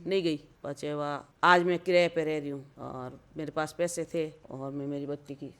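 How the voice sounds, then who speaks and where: Clear-voiced Marwari woman in her fifties. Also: low-pitched, fairly even intonation, normal speed, a bit bright. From rural Rajasthan, India. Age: 50s. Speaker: interview guest. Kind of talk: personal storytelling in an interview.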